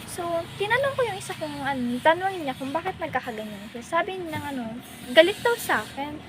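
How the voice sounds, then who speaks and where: A woman's voice: high voice, big pitch swings, fairly quick. A young woman talking casually and emotionally to her vlog viewers, rambling with many fillers. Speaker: vlogger. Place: home, hot and alone.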